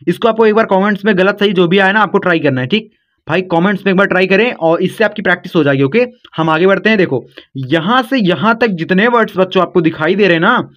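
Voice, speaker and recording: Guy teaching spelling, high voice, slow step by step, kinda muffled lo-fi sound. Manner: slow, step-by-step explaining, calls listeners kids and brother. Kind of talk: spelling lesson for beginners. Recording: dull lo-fi sound.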